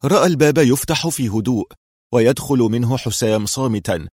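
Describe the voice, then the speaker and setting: A man narrates a thriller audiobook in a dramatic, suspenseful manner. His voice is mid-pitched. The recording is dry and close, with no room sound. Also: fairly quick, darkish tone, slightly rough, dry recording.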